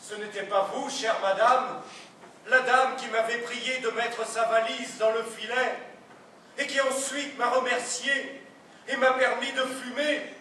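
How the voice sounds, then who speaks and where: A man acting a stiff, overly polite husband in an absurdist stage play, speaking in a formal, ceremonious deadpan. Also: extremely high pitch, measured pace, slight background noise, full character voice. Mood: stiffly polite. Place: theatre stage. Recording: echoey stage sound from a distant mic.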